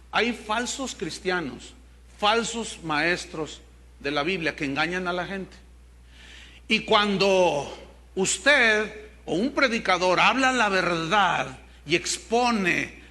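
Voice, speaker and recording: High, pushed and bright, the voice belongs to an older Mexican man with a Mexican Spanish accent. He's a pastor delivering a sermon, telling funny stories and joking with the congregation.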